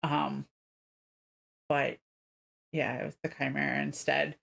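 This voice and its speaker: A woman's voice: sits low, level tone, takes it slowly, gravelly, fairly bright tone. A woman co-hosting a TV reaction, chatting casually, laughing often and reacting with short exclamations. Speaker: co-host of a TV reaction channel.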